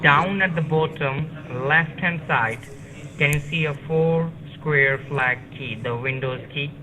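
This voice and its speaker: A man's voice: a little high, slow pace. A man working as a phone tech support agent in an Indian call center manner, giving formal, insistent step-by-step instructions over a phone call. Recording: phone call with busy room chatter.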